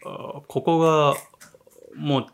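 A man hosting a casual radio chat from a small bar studio, talking in a playful, teasing way and keeping his voice soft. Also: a little high, little pitch movement, takes it slowly, gravelly, a little hiss or hum. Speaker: radio show host.

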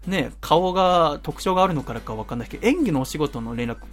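A man hosting a radio show, telling stories in fast, animated casual chat with polite formal phrasing. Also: on the high side, soft background music.

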